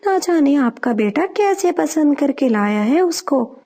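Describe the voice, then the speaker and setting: Cartoon crow girl played by a woman, sly, flattering, high, gravelly. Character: young female crow, sly schemer.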